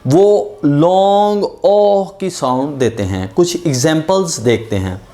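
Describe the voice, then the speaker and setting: An English pronunciation teacher giving a lesson and drawing out each example word slowly. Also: mid-range voice, expressive, warm tone, slight background noise. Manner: drawn-out example words, explained in Hindi-Urdu.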